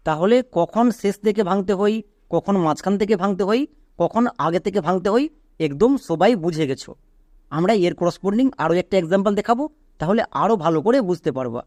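A man's voice: high-pitched, expressive, a little fast, a little mellow, no echo, clean studio sound. A man from Bangladesh, teaching English pronunciation step by step and asking and answering his own questions. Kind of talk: spoken lesson.

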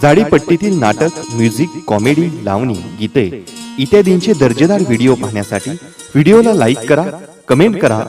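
A man's voice: medium pitch, a little mellow. A man giving a promotional intro for a video channel, upbeat. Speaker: channel announcer.

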